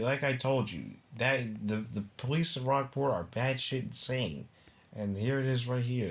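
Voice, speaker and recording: A man's voice: mid-range voice, fairly bright tone. A man casually running through the cars of a video game, rambling and often breaking into giggles.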